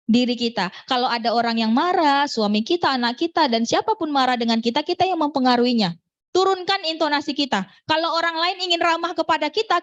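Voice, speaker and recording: A woman from North Sumatra leading a lively public speaking workshop for a women's group, asking questions and demonstrating intonation. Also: sits high, highs cut off. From North Sumatra, Batak.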